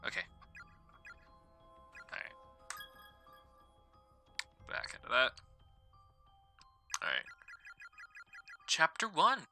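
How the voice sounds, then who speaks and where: Bright-voiced man streaming a game. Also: medium pitch. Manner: rambling, stumbles while reading text aloud. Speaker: gaming streamer. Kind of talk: casual live game commentary. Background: faint game music.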